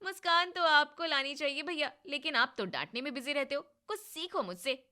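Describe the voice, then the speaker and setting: A cheeky, bubbly young sister-in-law in a storybook drama, voiced by a woman. She is loud, playful and a little bossy. Her voice is bright and slightly high. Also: moderate pace.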